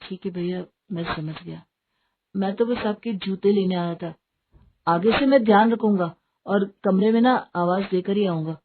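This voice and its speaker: A woman's voice: medium pitch, moderate pace, close to an everyday voice. A woman plays a careless young college lad who whines and pleads when he is scolded. The story audio sounds tinny and phone-like under a faint hiss. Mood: sulky. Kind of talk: Hindi story voice acting.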